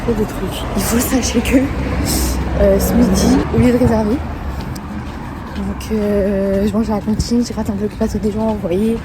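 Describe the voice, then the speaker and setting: Teenage female vlogger, mid-pitched, casual and slangy, rambling storyteller, recorded with clearly noisy ambience. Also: steady tone, normal speed. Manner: slangy, rambling anecdotes with quoted dialogue. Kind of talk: casual chat vlog, storytelling.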